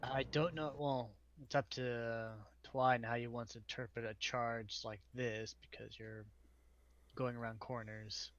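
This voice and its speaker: A man's voice: medium pitch, level tone, a little slow, muffled recording. A man playing in a tabletop game, casually questioning and debating the rules. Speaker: player.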